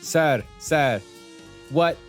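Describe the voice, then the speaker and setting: A man's voice: a little high, expressive, very slow, faint music behind, pitched above the performer's own voice. A man voicing a flustered male adventurer who stammers while staying awkwardly polite.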